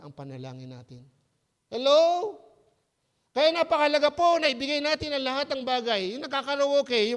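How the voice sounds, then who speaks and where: Filipino male pastor, very high and gravelly voice, preaching in a reverberant hall, punctuates his sermon with calls to the room.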